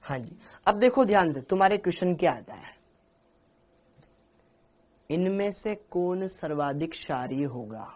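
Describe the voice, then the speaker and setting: A man's voice: high voice, very animated, measured pace, long pauses. A man teaching chemistry in a live online class. He talks in a playful, teasing way, calls students by name and mixes English words and lines of verse into his explanations.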